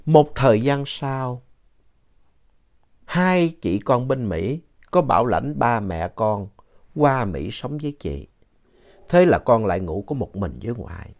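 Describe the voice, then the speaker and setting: A man narrating a ghost story in a conversational, lively way with asides to the listener. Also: mid-range voice, takes it slowly. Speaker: story reader. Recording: dull lo-fi sound.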